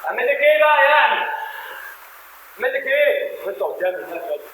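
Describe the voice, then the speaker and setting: An actor with an Egyptian accent playing a quick-tempered male thief leader who scolds his sidekick in a comic stage play. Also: extremely high pitch, very animated, pushed and bright, heavy reverb, slight background noise, heavily acted, poor audio. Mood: bossy. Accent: Egyptian Arabic. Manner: scolding, fast-talking. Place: theater stage.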